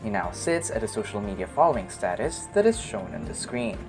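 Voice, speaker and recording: Casting: woman narrator, unusually deep voice, animated delivery of formal scripted documentary copy. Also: fairly quick, over music.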